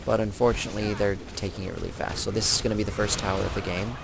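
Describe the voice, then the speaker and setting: A man's voice: lowish voice, steady tone, rapid-fire, gravelly, noisy background. A young man giving casual, rambling commentary over his own video game match, often correcting himself. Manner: chatty, rambling, self-correcting. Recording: game music and sound effects behind.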